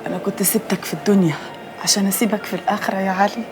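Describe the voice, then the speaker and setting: A woman's voice: mid-range voice, fairly even intonation, very fast, over music, natural voice. An actress playing a loving mother with an Egyptian accent, soothing her son as she holds back tears. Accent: Egyptian Arabic. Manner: soothing, tender.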